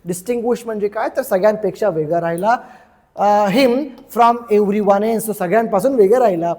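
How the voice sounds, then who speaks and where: High-voiced man teaching in a reverberant room. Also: dark tone. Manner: explains slowly, repeating each word and its meaning; chatty, checks in with "ठीक आहे". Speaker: English teacher. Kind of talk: explaining a story lesson.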